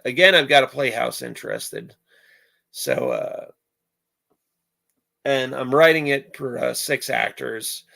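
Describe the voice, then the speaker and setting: A man with a hoarse, mid-range, slightly bright voice chats casually with his live stream viewers. He rambles, filling his speech with many pauses.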